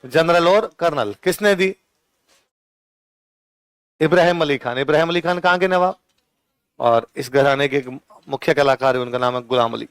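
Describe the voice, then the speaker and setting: A male teacher with a Rajasthani Hindi accent, pitched a little high, gives an exam-prep lecture. He fires off questions and answers them himself, then slows down to dictate notes line by line. His voice is clear and resonant in a dry, close recording. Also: no echo. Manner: dictates notes slowly, repeating each line.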